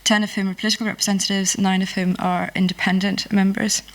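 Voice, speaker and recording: A middle-aged woman with a Northern Irish accent giving a formal panel address, pausing often and hesitantly. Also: mid-range voice, little pitch movement, poor audio. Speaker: panel speaker.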